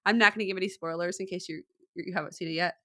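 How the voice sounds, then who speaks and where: A woman's voice: lowish voice, steady tone, very fast, a bit bright, no echo, studio quality. A woman hosting a casual true crime podcast, upbeat and chatty, often laughing at her own stories. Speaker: podcast host.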